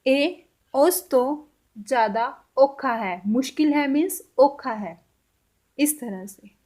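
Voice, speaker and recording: A woman teaching a language lesson, saying example sentences slowly and repeating them with care. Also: high voice, lively intonation, darkish tone.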